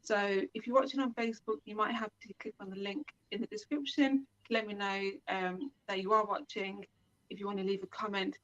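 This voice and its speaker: A woman's voice: medium pitch, fairly even intonation, fairly quick, a bit bright, highs cut off. A woman from the UK hosting a live web show over a video call, enthusiastic and talking straight to the viewers. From United Kingdom. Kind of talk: upbeat show introduction and interviewing.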